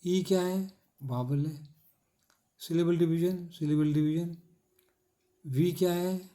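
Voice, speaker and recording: A middle-aged man teaching English syllables in a lecture, drilling with repeated questions and answers and stretching out key words slowly. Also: on the high side, steady tone, mellow. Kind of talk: classroom lecture.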